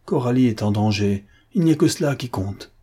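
A man's voice: mid-range voice, expressive, fairly quick, mellow, breathy edge. A man voicing a young army captain who breaks into anguished, frantic outbursts in an audiobook. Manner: cries out in raised, frantic outbursts.

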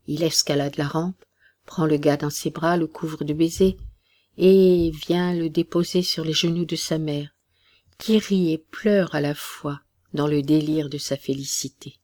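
A narrator reading a classic storybook tale at a slow, measured pace. The voice sits mid-pitch for its kind. The sound is dry and close, with no room around it. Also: darkish tone, no echo.

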